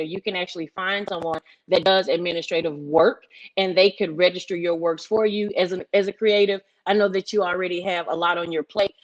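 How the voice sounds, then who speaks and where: With the high frequencies cut off, a middle-aged music executive from Memphis, Tennessee, presents informally on a workshop panel, emphatically explaining things. Her voice sits on the low side.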